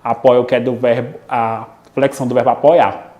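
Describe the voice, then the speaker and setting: A man with a Brazilian Portuguese accent from Pernambuco teaches a recorded class. His pitch sits in the middle for a man. He explains step by step, keeps asking "né?" and "ok?", and stretches out the example words so students can follow. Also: flat delivery, muffled recording. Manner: explanatory, frequent "né?" and "ok?" check-ins, drawn-out example words. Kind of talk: recorded online lesson.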